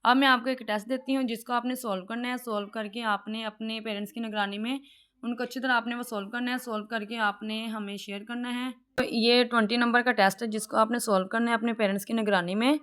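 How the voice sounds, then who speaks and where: A woman teaching an online class, explaining step by step and reading English sentences slowly before translating them. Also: on the high side, steady tone, a bit bright, smooth.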